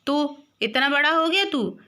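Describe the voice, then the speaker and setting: A stern mother telling off her children in a raised, louder voice, as a woman teacher reads her lines. The tone is bright and sharp, with the pitch pushed upward. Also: expressive, a little slow, full character voice. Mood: scolding. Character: scolding mother of two children.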